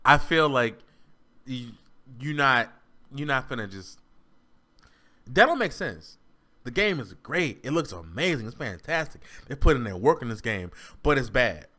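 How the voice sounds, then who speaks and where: Incredulous animated man arguing back. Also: medium pitch, measured pace, long pauses. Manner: animated, incredulous, stammering restarts. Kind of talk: casual game-review banter.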